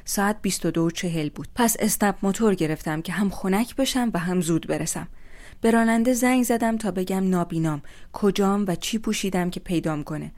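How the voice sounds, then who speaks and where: A young woman telling a first-person story in a steady, reflective way. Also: medium pitch.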